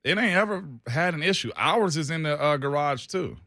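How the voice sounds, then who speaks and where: A man's voice: on the high side, expressive, normal speed, pushed and bright, dry recording, clean studio sound. A man with a Southern US accent co-hosting a talk show, chatting and storytelling in a folksy, colloquial, emphatic way. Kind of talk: casual banter and storytelling.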